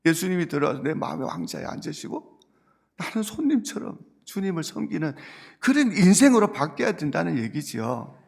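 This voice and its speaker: A man's voice: a little high, big pitch swings, brisk, creaky, husky. A male pastor, preaching a sermon earnestly and rising to emphatic points. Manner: earnest preaching, quoting Jesus gently, building to emphatic points.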